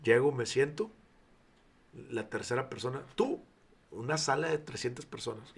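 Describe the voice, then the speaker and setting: A man's voice: medium pitch, moderate pace, gravelly, husky. A man in his forties with a Mexican accent, a guest sharing his faith testimony as a storyteller who acts out dialogue and sometimes drops to near whispers. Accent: Mexican Spanish. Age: 40s. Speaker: interview guest, church founder.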